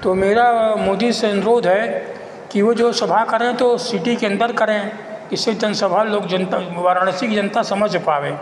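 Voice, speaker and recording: A man giving an informal, halting and repetitive spoken account as a local citizen. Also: high-pitched, fairly even intonation. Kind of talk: informal spoken monologue of complaint and appeal. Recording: echoey reverberant room with faint noise.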